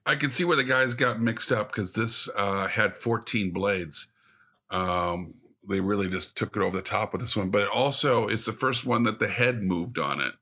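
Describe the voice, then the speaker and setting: A man's voice: on the low side, normal speed, pushed and bright. A man competing on a casual quiz podcast, joking at his own expense and laughing a lot. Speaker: quiz contestant.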